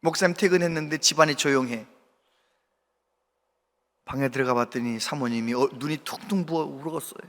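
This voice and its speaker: A male pastor delivers a sermon, telling a story and acting out its people with lively shifts of pitch and loudness. His voice sits high. A long reverb trails each phrase through the church sanctuary. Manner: animated storytelling with acted quotes.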